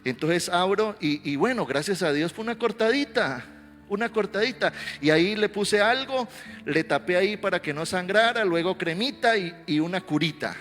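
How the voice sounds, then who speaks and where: A male pastor preaching a sermon, telling stories animatedly and swelling into loud exhortation. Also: sits high, lively intonation, normal speed. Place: church sanctuary. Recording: reverberant hall with faint music.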